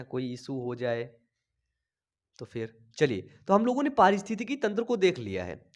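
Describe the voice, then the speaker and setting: Young male biology tutor, high-pitched, chatty, pacing himself after a cough. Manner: chatty, checks in constantly with "thik hai". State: recovering from a cough, speaking slowly. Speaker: biology teacher. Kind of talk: online class lecture. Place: small home studio. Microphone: sensitive desk mic.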